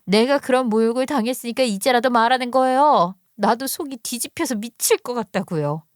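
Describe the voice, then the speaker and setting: Woman acting out a defiant young daughter, bitter, accusing, higher-pitched, softer-spoken, dry close storybook read. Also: fairly quick, no echo, close to an everyday voice. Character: defiant young woman confronting her mother.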